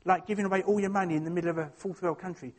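A man's voice: high voice, fairly even intonation, racing. A man with an Essex accent giving an informal sermon with personal anecdotes, in a hesitant, self-deprecating, chatty way. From Essex, England. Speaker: church speaker.

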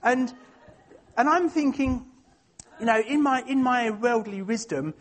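A man's voice: very high voice, measured pace. A man with an Essex accent giving an informal sermon with personal anecdotes, in a hesitant, self-deprecating, chatty way. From Essex, England. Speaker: church speaker.

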